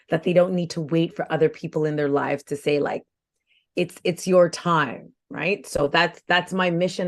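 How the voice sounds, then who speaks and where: Woman, 40s, low voice, earnest and reflective, podcast guest. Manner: reflective, earnest, repeats phrases for emphasis. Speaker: health coach guest. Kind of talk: podcast interview.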